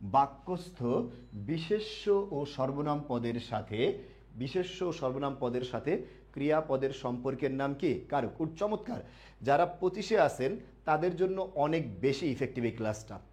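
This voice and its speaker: A man teaching a live online grammar class to admission students. He asks the students questions and answers them himself, repeating key words slowly. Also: a little high, animated, a little mellow.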